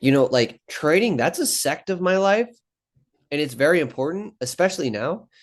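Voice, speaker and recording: A man's voice: a little high, animated, moderate pace. A young man in a casual, rambling monologue to camera, recapping his day trades, swearing freely and calling listeners bro and dude.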